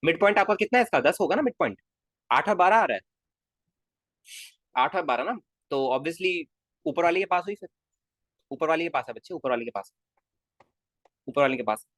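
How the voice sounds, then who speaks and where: A man's voice: on the high side, expressive, a little fast, pauses often, fairly bright tone, no room sound, studio quality. A male physics teacher in a casual live class, coaxing his students with constant questions and calling them kids. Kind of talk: live online class lecture.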